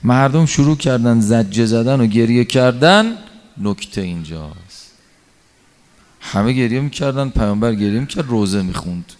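A man's voice: medium pitch, lively intonation, a little mellow. A male preacher telling stories in a sermon, shifting between narration and acted quotes. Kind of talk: sermon storytelling. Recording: long hall reverb.

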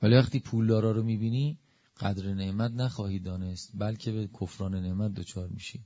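A man preaching a religious sermon in a conversational, lively way that rises to emphatic peaks. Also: lowish voice, no room sound, highs cut off.

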